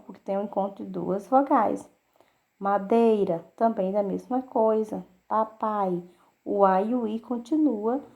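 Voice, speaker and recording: Slow, patient Brazilian schoolteacher woman. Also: fairly high pitch, gravelly, darkish tone. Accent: Brazilian Portuguese. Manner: patient, repeats "né?" and "tá?" to check understanding. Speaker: teacher. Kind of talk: recorded video lesson for children.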